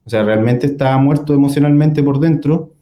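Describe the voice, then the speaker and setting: A man's voice: mid-range voice, brisk, muffled recording. A young man, telling a personal story in casual conversation, with many fillers and small laughs. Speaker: guest.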